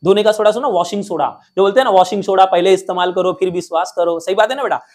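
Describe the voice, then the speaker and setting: A man teaching a lesson in a playful, energetic way, quizzing students with call-and-response questions and cracking jokes. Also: high voice, fast. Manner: jokey, drops rhymes and mnemonics.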